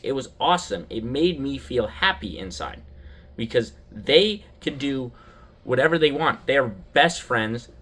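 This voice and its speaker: Animated young man ranting about basketball. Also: medium pitch. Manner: animated, dramatic storytelling with rhetorical questions. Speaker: sports video host. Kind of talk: casual opinion monologue.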